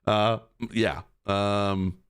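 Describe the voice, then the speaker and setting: A man's voice: lowish voice, flat delivery, extremely slow, smooth. A man hosting a live stream, chatting casually with lots of fillers and restarts. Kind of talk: casual rambling commentary.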